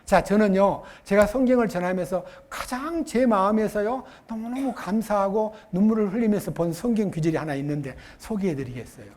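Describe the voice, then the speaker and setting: A man's voice: high voice, brisk, few pauses, a little mellow. A man preaching a sermon at a church retreat, emotional, acting out the father and son in the parable with changing voices. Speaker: pastor.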